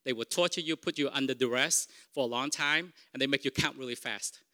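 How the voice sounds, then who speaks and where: A middle-aged pastor whose first language is Vietnamese delivers an informal sermon, correcting himself as he goes and checking in with the congregation. His mid-range voice is brisk with a sharp tone.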